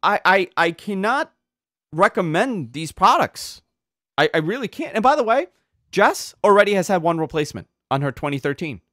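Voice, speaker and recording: Animated New man on a podcast. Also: high-pitched, normal speed, no room sound, clean studio sound. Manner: animated storyteller, repeats words when excited. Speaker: podcast host. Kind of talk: casual podcast chat.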